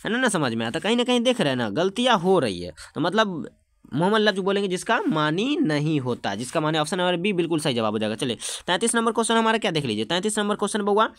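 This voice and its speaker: A man's voice: high-pitched, very animated, fast talker, fairly bright tone, no echo. A man teaching an exam-prep lesson, repeating terms and putting questions to the class.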